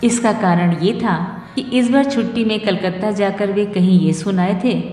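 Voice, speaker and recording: Woman storyteller, measured formal narration, mellow dark tone, roomy echo. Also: mid-range voice. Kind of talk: scripted literary narration. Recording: roomy reverb with soft music.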